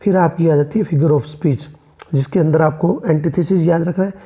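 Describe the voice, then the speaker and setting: Very dark-voiced teacher explaining poetry terms. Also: mid-range voice, fairly even intonation, normal speed. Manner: asks rhetorical questions and answers them; addresses students as friends. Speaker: English literature teacher. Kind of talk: exam-prep lecture.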